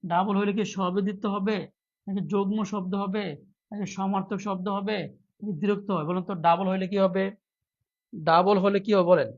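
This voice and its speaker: High-voiced man drilling an online class. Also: level tone, a little fast, long pauses, muffled recording. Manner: repeats questions over and over, quizzing viewers; reads viewer comments aloud, softer. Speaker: teacher for job exams. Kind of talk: live online exam-prep lesson.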